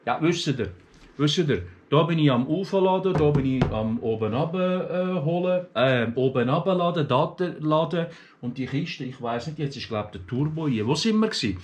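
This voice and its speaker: A man's voice: on the high side, lively intonation, moderate pace, a little mellow, a little hiss or hum. A middle-aged man with a Swiss German accent from Aargau, chatting casually to his followers and telling stories with many fillers and restarts. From Switzerland, grew up in Aargau. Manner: chatty, storytelling, many fillers and restarts, mimics other dialects. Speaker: vlogger. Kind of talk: casual rambling monologue.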